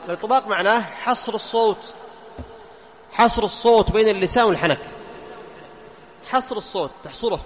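High-voiced man teaching Quran recitation. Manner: asks questions and answers them himself; chants verses slowly as examples. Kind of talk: tajweed lesson explaining letter articulation. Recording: long hall reverb, faint background noise.

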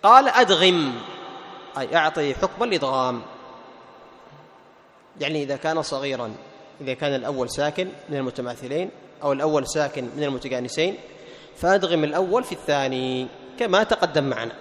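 A male Quran teacher explaining tajweed rules to a class. He asks questions, answers them himself, repeats the key terms and slows down to recite the verse examples. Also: fairly high pitch, lively intonation, a bit bright. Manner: recites verses slowly and melodically. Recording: long hall reverb.

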